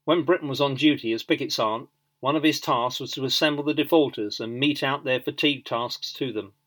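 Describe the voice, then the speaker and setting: A man reading a biography as scripted audiobook narration in a measured storytelling manner. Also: medium pitch, fairly bright tone.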